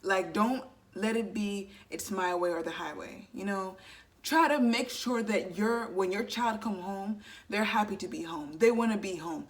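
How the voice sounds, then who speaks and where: A woman's voice: mid-range voice, a little slow. A woman in her twenties giving earnest, chatty advice to camera and filling her talk with "you know" asides. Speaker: vlogger.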